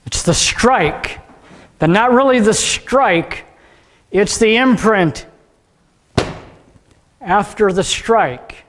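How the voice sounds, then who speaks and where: A man serving as pastor, leading the liturgy and preaching in a measured, emphatic way, heard in a long cathedral-like echo. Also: high-pitched, a bit bright. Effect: long cathedral-like hall echo. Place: church sanctuary. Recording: reverberant sanctuary with congregation. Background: congregation.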